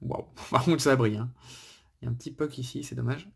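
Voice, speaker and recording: A man's voice: medium pitch, brisk, vocal fry, husky. A man hosting his own channel, chatting casually and thinking aloud while he opens trading card packs, with many small fillers. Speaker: card collector and channel host. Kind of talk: casual pack-opening chat.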